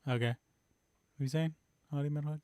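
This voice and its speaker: A man hosting a podcast in casual chat, telling a story with lots of laughter and animated voices. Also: fairly high pitch, a little fast, no echo. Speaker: podcast host. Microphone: desk microphone on stand.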